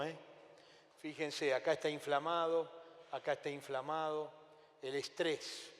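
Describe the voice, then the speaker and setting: A middle-aged man with a Rioplatense Spanish accent preaches to his congregation, shifting from teaching into lively storytelling and asking the audience questions. His voice sits a little high for a man. A long church-hall reverb trails after each phrase. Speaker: pastor and psychiatrist. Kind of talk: sermon.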